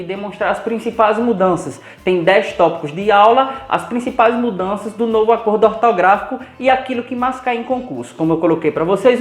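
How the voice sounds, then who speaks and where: A woman with a Brazilian Portuguese accent teaching an exam-prep grammar lesson, posing students' questions to herself and slowing down to spell out example words. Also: mid-range voice, echoey room. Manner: didactic, asks herself students' questions and answers them.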